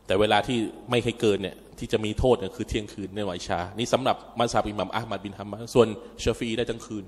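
A man's voice: on the low side, fairly even intonation, rapid-fire. Man lecturing in an echoing mosque. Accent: Thai. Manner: chatty, addresses audience as brothers and sisters, asides and chuckles. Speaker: Islamic religious teacher. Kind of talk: informal religious lecture. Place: mosque hall. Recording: long reverb of a mosque hall.

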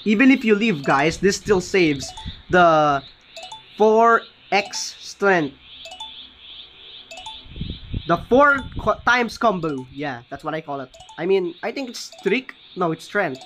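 A man giving casual, excited gameplay commentary, often stopping to correct his own words. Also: sits high, measured pace, soft background music. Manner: excited, often corrects himself mid-sentence. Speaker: gaming channel host.

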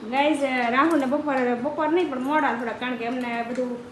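A woman, chatting loudly and directly to her vlog viewers. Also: high-pitched, fairly even intonation, fairly quick, a little hiss or hum. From Gujarat, India. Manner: loud-voiced. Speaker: vlogger. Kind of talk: casual vlog narration. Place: roadside outdoors and at home.

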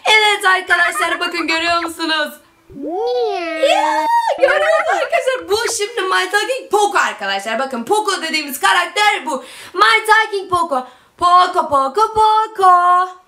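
A woman hosting a gaming video, giving excited let's-play commentary and constantly calling out to her viewers. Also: very high voice, moderate pace, very noisy. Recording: loud game music behind.

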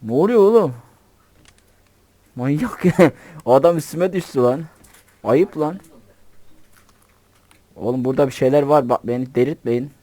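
A man giving excitable, joking commentary on his own gameplay, swearing playfully and talking to himself. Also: medium pitch, measured pace, pauses often, dry recording. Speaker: gamer.

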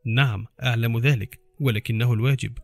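A man voicing a calm, defiant young female intelligence officer in an audiobook, speaking in a hushed, level way. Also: mid-range voice, fast, dry recording, faint music behind, voice pushed down, natural voice.

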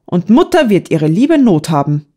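A woman's voice: on the low side, big pitch swings, moderate pace, mellow. A woman reading a stubborn young man who grumbles with mock solemnity in an audiobook. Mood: grumbling. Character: stubborn young man, the elder son, dramatic.

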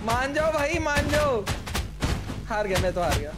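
A man's voice: extremely high pitch, very animated, moderate pace, over loud music. A man with a Hindi accent calling out directions urgently to teammates during an online game. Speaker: gamer. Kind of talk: casual gaming chat.

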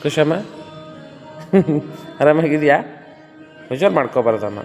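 A man's voice: fairly high pitch, expressive, measured pace, a little mellow. A man coaching a client through a gym workout, counting reps and coaxing her on. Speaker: gym trainer. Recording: echoey room with music behind.

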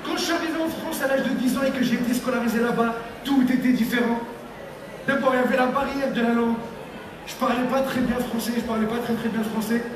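Young male comic from Tunisia, high-pitched, animated; filmed from far back in an echoey hall with crowd noise. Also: quick pace. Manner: animated, acts out characters with pitch jumps. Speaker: stand-up comedian. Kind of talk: stand-up comedy. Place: large theater stage with live audience. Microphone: handheld mic, filmed from the audience.

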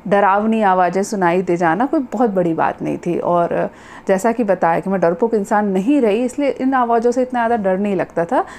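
A woman doctor telling a personal story in a casual monologue, her voice rising high and loud at dramatic moments. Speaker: doctor sharing personal experience.

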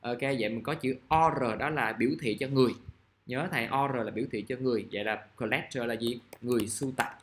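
A man's voice: medium pitch, fairly quick. A male English teacher, explaining a vocabulary lesson patiently and repeating key words while checking in with his students.

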